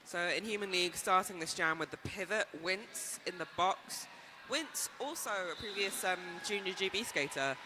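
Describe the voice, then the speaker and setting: A man calls a roller derby bout in a high, very bright voice. He is playful and jokey, riffing with his co-commentator, and a faint hum of noise sits behind him. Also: moderate pace, long reverb tail. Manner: playful, jokey, laughs often. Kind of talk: live sports commentary.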